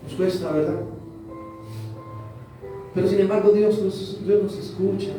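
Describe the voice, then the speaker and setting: A man's voice: high-pitched, steady tone, measured pace, mellow, faint music behind. A man preaching a sermon to his congregation, repeating phrases for emphasis. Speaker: pastor. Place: church hall. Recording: very echoey church hall, voice from a distance.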